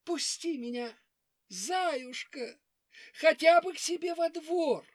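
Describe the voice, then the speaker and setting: A woman voicing a sly female fox who makes slow, hushed, drawn-out threats. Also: high voice, no room sound, clean studio sound, voice pushed up. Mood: menacing.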